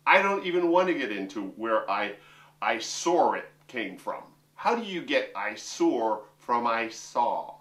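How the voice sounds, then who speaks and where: In a roomy recording from a distant mic, a middle-aged opera singer and vocal coach teaches his viewers beside a piano in a chatty, joking way. His mid-range voice is a bit bright and sing-song, and he takes his time.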